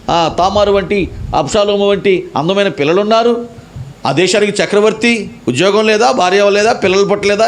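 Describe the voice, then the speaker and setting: A man preaching a sermon as a pastor, asking rhetorical questions and acting out people's prayers. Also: sits high. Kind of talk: Telugu sermon. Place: church.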